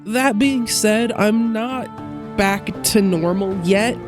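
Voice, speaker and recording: Over background music, a let's play host with a mid-range, cold-congested voice gives casual commentary on her game. She takes her time, chatting and thinking aloud as she plays.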